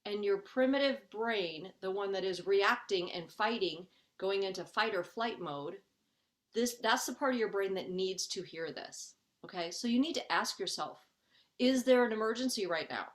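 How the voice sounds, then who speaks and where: The speaker is a middle-aged woman life coach running a webinar for parents, with a medium-pitched, fairly bright voice at normal speed. Earnest and conversational, she keeps asking "okay?" and performs her own inner monologue as she lays out each step.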